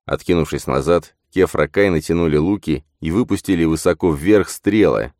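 Very deep-voiced male narrator. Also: moderate pace, darkish tone, dry recording, studio quality. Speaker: audiobook narrator. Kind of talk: scripted narration.

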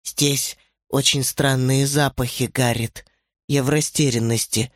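A puzzled nonhuman tracker who works by scent, voiced by a male audiobook reader, speaking slowly and hesitantly with long, drawn-out words. The voice sits at a middle pitch, with an oddly altered timbre. The sound is dry and close. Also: fairly even intonation, no room sound, natural voice.

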